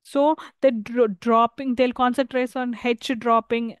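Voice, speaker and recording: A woman with an Indian accent gives a recorded university lecture in a slightly high, smooth and resonant voice. She explains haltingly, correcting herself and checking in with "okay". The sound is dry and close. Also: fairly even intonation, no echo. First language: Telugu. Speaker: English lecturer.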